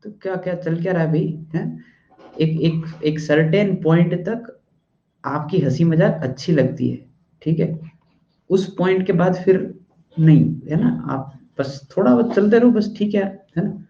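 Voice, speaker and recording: A man's voice: sits high, animated, measured pace, gravelly, mellow. Chatty male teacher in an echoey room. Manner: chatty, keeps asking "okay?" after each point; scolds the class bluntly at times. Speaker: math and physics teacher. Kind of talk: classroom lecture in Hindi-English mix. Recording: echoey room, dull lo-fi sound.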